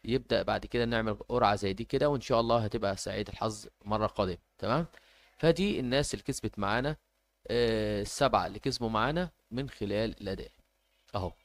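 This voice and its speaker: A man's voice: fairly low pitch, racing, dry recording. A man with an Egyptian Arabic accent announcing a giveaway informally as host, hesitating and repeating himself as he goes.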